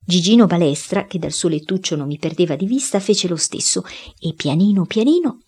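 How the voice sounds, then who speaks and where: A woman reading a boy's first-person diary story aloud, in a lively storytelling way. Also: lowish voice, a little fast, husky. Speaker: reader.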